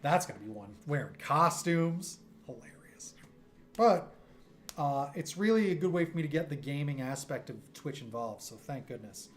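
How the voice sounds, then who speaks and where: This man's voice sits on the high side and moves at a normal speed. He's in his thirties, has a New York accent, and livestreams his art from a room at home, keeping up loose, lively, self-mocking chatter over soft synth music.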